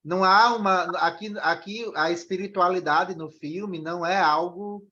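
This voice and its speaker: A man's voice: sits high, normal speed, sharp tone, lo-fi sound. A man moderating a discussion after a film screening, talking with many restarts and "né?" tags.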